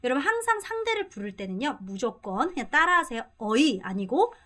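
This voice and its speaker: A middle-aged woman teaching a beginner language lesson, drilling words with slow repetition and frequent laughter. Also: high voice, sing-song, pushed and bright. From Korea. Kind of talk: lively online language lesson.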